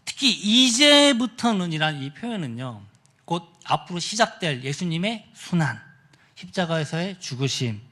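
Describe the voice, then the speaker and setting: A male pastor preaching a sermon, telling a story with lively acted-out quotes. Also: sits high. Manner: animated storytelling, acting out voices in quotes. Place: church sanctuary.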